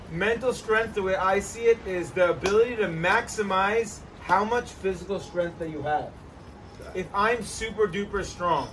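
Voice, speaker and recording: A man hosting a casual outdoor chat, giving energetic, joking fitness advice beside an ice bath. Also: high voice, recorded from a distance, a little hiss or hum, low-quality recording. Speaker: host, trainer.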